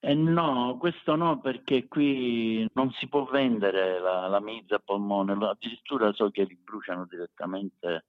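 A man's voice: on the low side, fairly even intonation, measured pace, few pauses. A man with a Sicilian accent chatting casually as an interview guest, emphatic and fond of repeating words to drive a point home. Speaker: street food cook, interview guest. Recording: echoey room, dull lo-fi sound.

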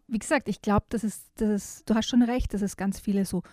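A woman's voice: mid-range voice, fairly even intonation, a little fast, a little mellow, dry recording, clean studio sound. A woman talking about youth novels on a radio show, thoughtful and conversational with some restarts. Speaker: book reviewer on a radio show. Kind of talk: conversational book discussion with read-aloud excerpt.

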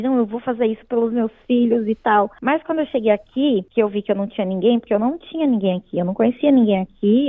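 Brazilian woman in her 30s, kinda high voice, heartfelt, quotes herself a lot, sounds like a phone line. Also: no echo. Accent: Brazilian Portuguese. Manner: open and heartfelt, often quotes herself aloud. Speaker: interviewee, mother living abroad. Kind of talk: personal interview. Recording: tinny phone-like line, dry.

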